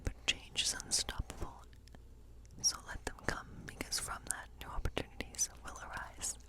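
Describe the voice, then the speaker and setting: Playing a friendly forest witch for ASMR, a woman lays out tarot cards while speaking in a soft, breathy whisper. She takes her time, musing aloud and offering reassurance.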